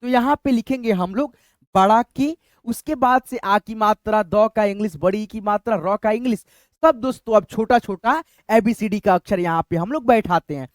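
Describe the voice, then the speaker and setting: A man's voice: high-pitched, no room sound. Man teaching a spelling lesson. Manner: repeats "friends" often, drawn-out explanatory tone. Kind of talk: explanatory lesson.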